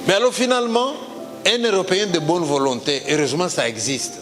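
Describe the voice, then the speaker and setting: A middle-aged man from Congo, telling a comic story on stage in a lively, theatrical way and switching into other people's voices. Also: sits high, a little fast, long reverb tail, music in the background.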